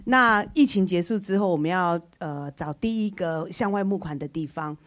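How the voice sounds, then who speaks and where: Lively woman telling a testimony. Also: lowish voice, moderate pace. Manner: lively storyteller who acts out each voice in the dialogue; many fillers and restarts, laughs while talking. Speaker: church member giving a testimony. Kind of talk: personal faith testimony told as a story.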